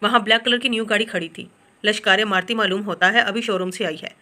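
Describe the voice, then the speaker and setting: A woman narrates a romance novel as an audiobook. Her voice is bright and forward. Her storytelling is even. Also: mid-range voice, fast talker.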